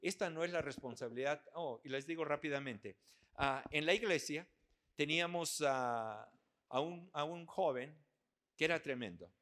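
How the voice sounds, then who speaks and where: A man's voice: a little high, moderate pace. Older man preaching a sermon. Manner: earnest, rising to loud emphatic preaching. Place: church hall at a men's conference.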